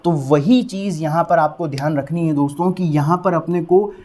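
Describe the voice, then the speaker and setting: A male English teacher giving a vocabulary lesson, who repeats each word slowly to drill its pronunciation and keeps checking that viewers have understood. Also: a little high, a little mellow. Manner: addresses viewers as friends, asks "clear?".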